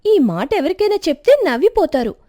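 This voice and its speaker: A woman's voice: very high-pitched, big pitch swings, brisk, warm tone, voice pushed up. A woman voicing a patient young daughter-in-law in a cartoon story, pleading and exasperated. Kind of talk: storybook voice acting.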